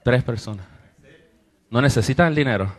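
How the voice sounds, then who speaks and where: A man's voice: mid-range voice, moderate pace. A young man preaching to a congregation, telling a personal story and acting out the voices of the people in it. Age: young adult. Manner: storytelling, acts out quoted voices, rises with emotion. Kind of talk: sermon testimony to a congregation.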